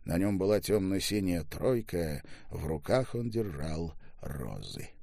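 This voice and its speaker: A man's voice: low voice, animated, a little slow, vocal fry, dark tone, no room sound, studio quality. A man reading a novel aloud as narrator, moving between narration and the voices of the characters. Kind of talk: audiobook narration.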